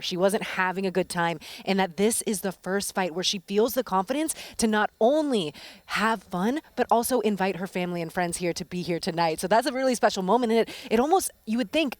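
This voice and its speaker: A woman's voice: mid-range voice, dry recording. A woman giving conversational sports commentary as a fight analyst.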